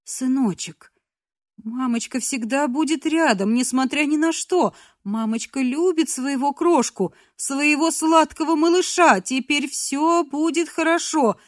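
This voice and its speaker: A woman voicing a young captive woman who talks in soft, coaxing tones. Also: sits high, a little slow, no room sound, studio quality, pitched above the performer's own voice. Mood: cooing.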